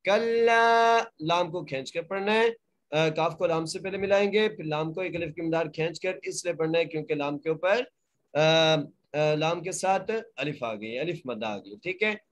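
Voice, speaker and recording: A man teaching Quran recitation in an online class, explaining each letter rule plainly and then chanting each word slowly and drawn out. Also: a little high. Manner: polite, asks students to mute. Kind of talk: online Quran tajweed lesson.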